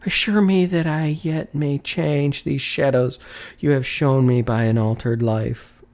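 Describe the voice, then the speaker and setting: A man's voice: medium pitch, steady tone, measured pace, darkish tone, voice pushed up, lightly acted. A man voicing a terrified, repentant old miser pleading with a spirit in a storybook reading. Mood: tearful entreaty. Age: older. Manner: pleading, anguished, crying out.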